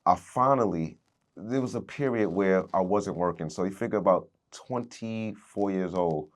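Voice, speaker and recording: A man in his thirties, a podcast guest, telling his life story in a casual, animated way, peppered with "man" and "dude.". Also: sits low, moderate pace. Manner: animated storyteller, swings loud and soft, repeats "man" and "dude".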